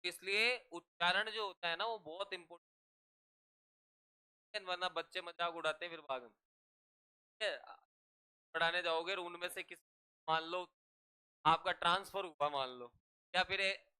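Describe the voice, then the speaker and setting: A man's voice: high-pitched, unhurried, long pauses, bright, forceful tone, clear, resonant tone. A male teacher lecturing a classroom, drilling students with repeated questions and having them repeat after him.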